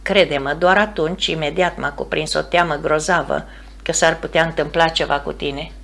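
A woman gives voice to a devout young bride-to-be in an audiobook, calm and tender. Her voice is low and gravelly, and she speaks in an earnest, reassuring way. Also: full character voice.

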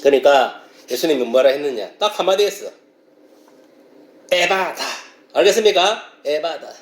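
A man preaching a sermon as pastor, explaining a passage and now and then breaking into loud shouted exclamations. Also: a little high, lively intonation, quick pace, echoey room.

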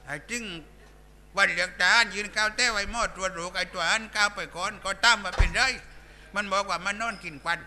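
In a live shadow puppet performance, a man plays a crude male village clown with a Southern Thai accent, trading coarse, rowdy banter and bawdy jokes. His voice is high-pitched, bright and forceful, holding a steady tone at a fairly quick pace.

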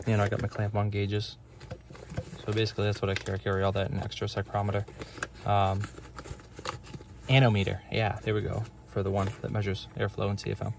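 A man's voice: fairly low pitch, creaky, noisy background. A self-employed HVAC technician giving a casual, rambling tour of the gear in his work van, listing items with many fillers.

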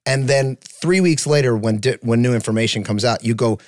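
A man's voice: medium pitch, brisk, darkish tone, no echo, studio quality. A man on a podcast explaining himself to a co-host in casual, defensive chat.

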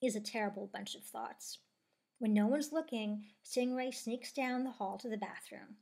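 A woman reading a children's book aloud with lively storytelling. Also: a little high, moderate pace, creaky. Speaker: reader.

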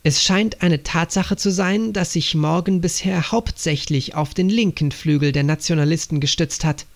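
A man's voice: fairly high pitch, normal speed, natural voice. A man voicing an earnest young woman agent reporting to her father in an audiobook.

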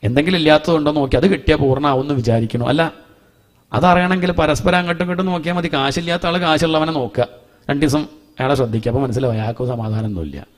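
A middle-aged man teaches a devotional scripture lesson, chanting verses slowly and explaining them in a homely, conversational way. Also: a little high. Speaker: Bhagavatam teacher.

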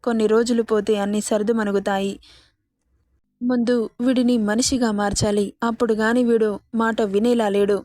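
A woman's voice: fairly high pitch, flat delivery, moderate pace, warm tone, no room sound, studio quality, close to an everyday voice. A woman voicing a frightened young woman held captive, who pleads and speaks through tears in a storybook reading. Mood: pleading. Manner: pleading, tearful.

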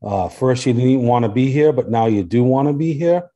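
A man's voice: mid-range voice, moderate pace, mellow, muffled recording. A man speaking as a local resident at a public hearing, earnest and insistent, often repeating his points.

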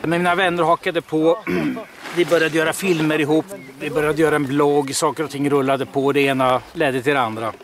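A man who organizes a packrafting meetup, interviewed outdoors in a forest in a calm, unhurried way. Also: a little high, crowd noise. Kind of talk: documentary interview.

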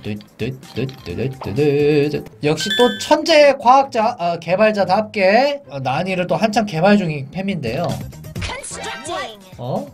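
A young woman playfully dubbing and commenting on a cartoon, full of exclamations, with music playing underneath. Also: medium pitch. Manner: animated, exclaiming, quick voice switches. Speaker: YouTuber dubbing a fan animation.

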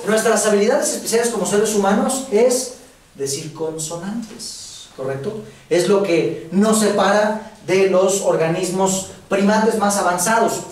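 A Mexican man teaches a class in a loose, slangy way, tossing questions out to the room. His voice sits high for a man. It sounds distant, with heavy room echo and a faint hiss underneath. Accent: Mexican Spanish. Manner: casual, slangy lecturing with filler words and questions to the audience. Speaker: course instructor. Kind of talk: classroom lecture. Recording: echoey room, voice from far off, faint noise.

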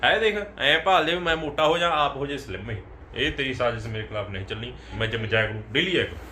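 A man's voice: medium pitch, expressive, fast, bright, forceful tone. A man with a Punjabi accent bantering in a casual, jokey household vlog. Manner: teasing, jokey. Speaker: family vlogger. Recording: echoey, faint background noise.

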